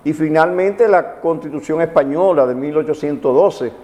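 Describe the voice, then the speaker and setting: A man with a Caribbean Spanish accent from the Dominican Republic, a magistrate and TV legal commentator, talks through legal matters like a teacher, reiterating his key points. He speaks at normal speed in a fairly high, mellow voice, and the recording rings with hall-like reverb.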